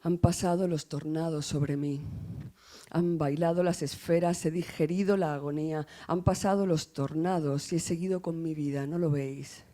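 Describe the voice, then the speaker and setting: A woman from Spain reading her own poetry aloud in a measured, grave and intimate way, with a Spanish accent from Spain. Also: low-pitched, fairly even intonation, warm tone. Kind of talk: poetry recitation.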